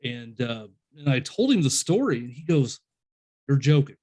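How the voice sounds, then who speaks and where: A man's voice: mid-range voice, big pitch swings, normal speed, a little mellow. A man hosting a casual interview, rambling through stories and acting out what people said. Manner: rambling storyteller, acts out quoted voices. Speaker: podcast host.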